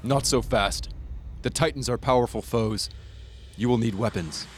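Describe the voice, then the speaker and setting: A man's voice: medium pitch, moderate pace, a little hiss or hum, lightly acted. A man playing a bitter, proud one-eyed cyclops who speaks bluntly and skeptically. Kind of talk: audio drama acting.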